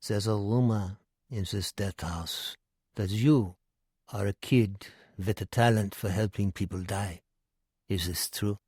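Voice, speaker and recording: A man's voice: fairly low pitch, a little slow, a little mellow, slightly rough, dry recording, clean studio sound. A man playing a sly dying German psychiatrist of ninety-one. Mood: probing, lecturing. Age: 90s. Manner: sly, probing. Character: frail dying old male psychiatrist, sly and cold.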